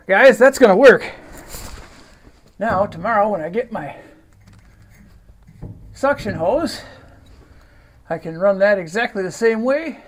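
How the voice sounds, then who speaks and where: A man with a notably high voice talks his viewers through a tractor repair as he works. His manner is folksy and easygoing, like chatting in his own barn. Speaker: DIY tractor mechanic. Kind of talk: casual narration while working.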